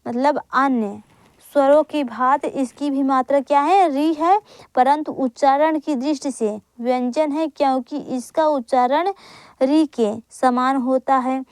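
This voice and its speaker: A woman's voice: sits high, fairly even intonation, a little mellow, dry recording. A woman teaching an exam-prep grammar lesson, repeating each point and asking then answering her own questions. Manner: corrects herself aloud with quick apologies.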